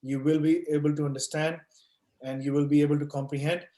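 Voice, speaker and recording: On a video call, an online course instructor walks students through course basics in a live Q&A, relying on homely, everyday analogies and repeatedly asking "right?" and saying "you know" to make sure he is followed. His slightly high voice is level, brisk, and dark in tone, and the room sounds echoey.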